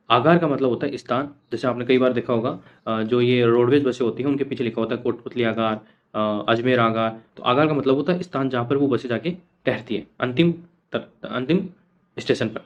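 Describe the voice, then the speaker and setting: Male exam tutor with lo-fi sound. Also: medium pitch. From India. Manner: repeats each answer, asks the class and answers himself. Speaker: teacher. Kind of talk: exam coaching lecture.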